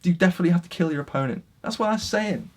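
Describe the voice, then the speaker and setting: A man vlogging a casual opinion rant to camera, passionate and animated, swinging between loud outbursts and quiet asides. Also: high-pitched, very fast.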